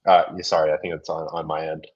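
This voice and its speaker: A man's voice: rumbling low, little pitch movement, quick pace, dull audio. A man hosting a casual sports chat over a call whose audio glitches and drops, talking in a hedging way full of fillers. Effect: glitching, dropping call audio. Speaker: podcast host.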